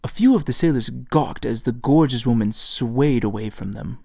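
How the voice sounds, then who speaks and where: A man narrates a fantasy novel in a measured storytelling voice, recorded close on a desktop mic. His pitch is middling and the sound is dry with no room echo. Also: gravelly, a little mellow. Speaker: author and narrator. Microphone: USB desktop mic.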